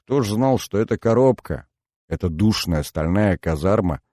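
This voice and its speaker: A man reading a novel aloud in an unhurried, lyrical storytelling manner. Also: lowish voice, lively intonation, dark tone, no echo, studio quality. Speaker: audiobook narrator. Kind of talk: scripted narration.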